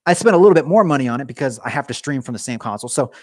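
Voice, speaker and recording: Talking very fast and expressively, a young man jokes and rambles with viewers during a live stream from his garage. His medium-pitched voice is a little mellow but increasingly worn as he loses it, captured in clean, echo-free studio sound.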